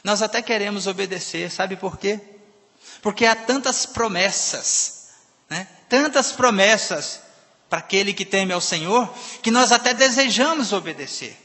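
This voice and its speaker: A male preacher delivers an emphatic sermon. His voice sits high for a man and rings bright and forceful. A long church-hall reverb trails every phrase. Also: unhurried. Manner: emphatic, with sudden swings between loud and soft. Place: church sanctuary.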